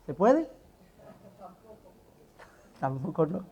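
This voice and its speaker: A man preaching a sermon in a church, pressing the congregation with rhetorical questions and forceful emphasis. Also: on the high side, sing-song, drawn-out words, highs cut off. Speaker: pastor.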